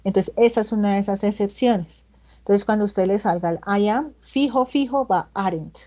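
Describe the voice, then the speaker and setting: Female English tutor lecturing over a video call, soft mellow tone, slightly lo-fi audio, patient and stepwise, reads examples slowly. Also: mid-range voice. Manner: explains step by step, often checks in with "¿listo?". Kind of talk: online class lecture.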